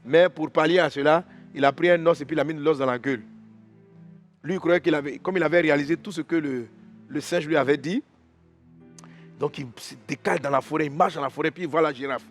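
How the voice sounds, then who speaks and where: A man preacher tells an animal fable with lively energy, his voice sitting a little high. Soft music plays behind him in the church. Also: brisk. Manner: lively storyteller acting out animals, roaring. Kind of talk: devotional storytelling sermon.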